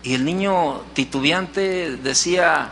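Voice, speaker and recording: Male preacher with a high voice, church sermon, repeats his points. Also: slow pace, vocal fry, a bit bright, a little hiss or hum. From Mexico. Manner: repeats key phrases, acts out the people in his stories. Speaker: pastor. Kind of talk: sermon with storytelling.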